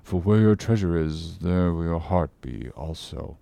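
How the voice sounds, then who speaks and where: A male narrator puts on a solemn, tight-fisted old Quaker shipowner from a storybook. His voice is low, sepulchral and dry, mumbling steadily in archaic, pious phrases. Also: lively intonation, unhurried, warm tone, no echo. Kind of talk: audiobook character voice.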